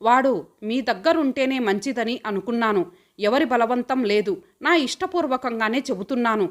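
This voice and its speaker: A poor young mother who loves her son dearly, from an audio storybook, read by a woman. Her speech is heartfelt and pleading, in a slightly high voice. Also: normal speed, close to an everyday voice. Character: poor devoted young mother, tender and tearful.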